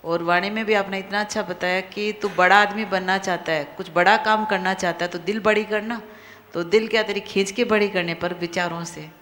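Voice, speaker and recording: A woman's voice: mid-range voice, fairly even intonation, fairly quick, fairly bright tone, a little hiss or hum. A woman devotee earnestly sharing what she took from the teaching at a satsang. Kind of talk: testimony at satsang.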